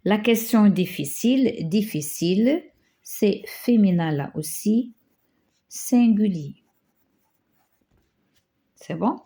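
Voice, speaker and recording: A woman teaching a grammar lesson to schoolchildren, reading out examples slowly and hesitating often. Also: mid-range voice, expressive, mellow. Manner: slow, stretches example phrases, frequent hesitations. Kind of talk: grammar lesson correcting exercises.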